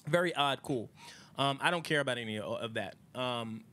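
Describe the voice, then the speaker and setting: A man's voice: mid-range voice, normal speed, pushed and bright, a little hiss or hum. A man hosting a casual group podcast, talking loosely with slang, fillers and frequent laughter. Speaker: podcast host.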